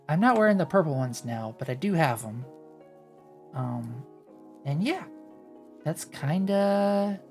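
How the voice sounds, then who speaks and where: A woman's voice: low-pitched, darkish tone. A woman streamer chatting casually on a live stream, rambling and thinking aloud with lots of fillers. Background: faint background music.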